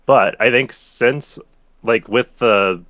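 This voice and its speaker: A man's voice: mid-range voice, slow, fairly bright tone, dry recording. A man joining a livestream as a guest, easygoing and thoughtful, chuckling between points. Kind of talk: casual livestream chat.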